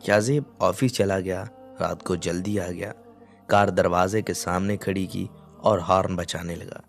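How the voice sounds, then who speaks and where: A man calmly narrating a scripted domestic story. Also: low-pitched, a little slow, creaky, soft background music.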